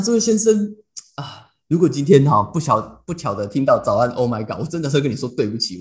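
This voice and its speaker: A man with a Taiwanese Mandarin accent gives a casual devotional talk. His storytelling is playful and animated, and his pitch ranges widely. He slips English phrases in between the Mandarin. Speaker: devotional podcast host.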